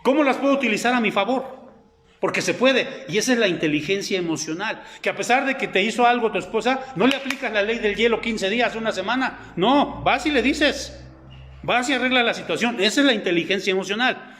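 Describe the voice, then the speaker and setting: A middle-aged man gives a sermon. His voice sits fairly high and carries a roomy echo. He talks conversationally, with many fillers and questions to the listeners. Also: quick pace, fairly bright tone, slight background noise. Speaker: preacher. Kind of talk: sermon with slides. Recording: echoey room.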